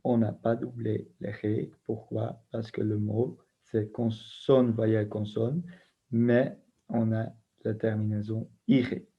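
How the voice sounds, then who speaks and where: Guy teaching a grammar lesson, slow and patient, spells everything out, slightly husky, muffled lo-fi sound. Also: on the low side, flat delivery, mellow. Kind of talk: recorded language lesson. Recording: muffled lo-fi recording.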